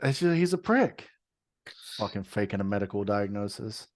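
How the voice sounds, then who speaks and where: A man's voice: on the low side, lively intonation, moderate pace. A man co-hosting a podcast with a slight Texas twang, talking bluntly and profanely in casual chat. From moved to Texas. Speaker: podcast co-host.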